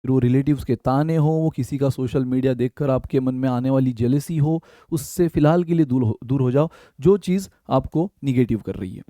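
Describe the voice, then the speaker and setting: A man's voice: mid-range voice, normal speed, few pauses, dark tone, dry recording. A young man, an exam prep teacher, giving casual, direct motivational study advice and addressing viewers as guys. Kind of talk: motivational study-tips talk.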